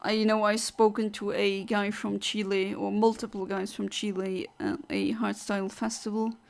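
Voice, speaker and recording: A woman's voice: medium pitch, expressive, moderate pace, creaky. A woman from southern Luxembourg, chatting casually on a gaming livestream, rambling as she reads out and answers chat. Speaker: streamer.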